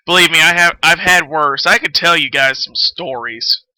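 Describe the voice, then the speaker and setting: Hosting a game livestream, this male streamer chats loosely as he plays, rambling, swearing and making fun of himself. His fairly high voice is pushed and bright at a normal speed, with no echo, though the recording is rough.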